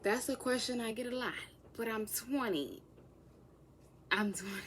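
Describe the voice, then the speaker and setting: A woman's voice: a little high, unhurried, noisy background. A woman of twenty chatting casually in a Q&A vlog, sassy and playful, with whispered asides. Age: 20s. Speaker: vlogger. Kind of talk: casual get-to-know-me Q&A.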